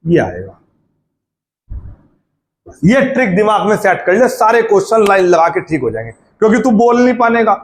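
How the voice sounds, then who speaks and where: Male Hindi tutor with a high voice, talks to the student informally, asks and answers his own questions. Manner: drawls words out slowly to spell out sounds. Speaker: Hindi teacher. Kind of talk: classroom-style video lesson.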